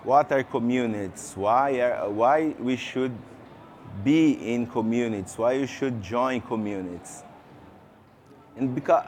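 A Brazilian man whose first language is Portuguese gives a conference talk in a session room, speaking with a Brazilian accent. He's halting, with many fillers and restarts, and asks the audience questions. His medium-pitched voice is a little mellow, with slight hiss or hum in the recording.

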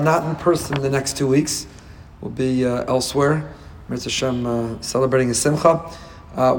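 A man with a hoarse, raspy, worn-out voice giving a religious lecture as a rabbi, emphatic and repeating points in strings of synonyms. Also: mid-range voice, in a large hall. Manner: emphatic repetition, piling up synonyms. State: hoarse, voice nearly lost. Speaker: rabbi teaching a weekly Torah portion class.

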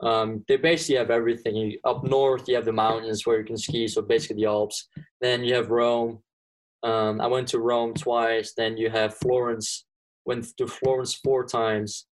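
The audio quality is poor as a young golfer from Belgium, a native Flemish Dutch speaker, responds to an interviewer. His mid-range voice keeps a moderate pace, and he sounds relaxed, hesitating with ums and restarting often.

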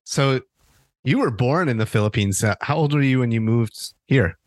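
A man's voice: medium pitch, lively intonation, normal speed, no echo, clean studio sound. A man hosting a sports podcast, asking long, winding interview questions.

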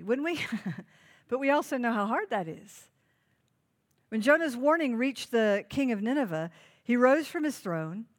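A woman pastor delivers a sermon in a fairly high voice. She leans hard on key phrases and repeats them so listeners can write them down. She keeps putting direct questions to the congregation. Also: fairly bright tone. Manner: emphatic, repeats key phrases for note-taking.

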